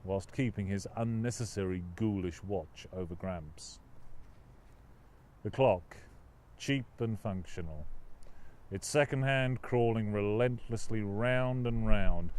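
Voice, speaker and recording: A man with a mid-range voice narrates his own novel as a scripted audiobook, giving it a dramatic, expressive literary delivery.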